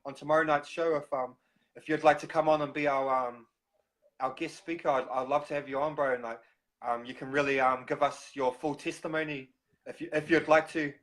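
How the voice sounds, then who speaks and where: A man with a broad New Zealand accent hosting a live stream, talking casually and haltingly with frequent pauses. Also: fairly high pitch, fairly even intonation, fairly bright tone, rough recording. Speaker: host of a recovery live stream.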